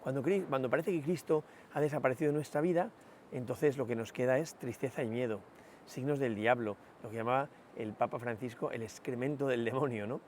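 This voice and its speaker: Reflective priest. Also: male voice, medium pitch, a little fast, darkish tone, slight background noise. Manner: reflective, many rhetorical "¿no?" asides and hesitations. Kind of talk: spoken meditation, sermon.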